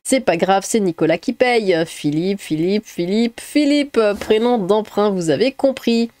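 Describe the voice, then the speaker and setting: A woman's voice: mid-range voice, animated, a little slow, darkish tone, dry recording. A woman streamer reading viewer comments aloud in a casual, offhand way, with loose asides between them. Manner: reads chat messages aloud with offhand asides.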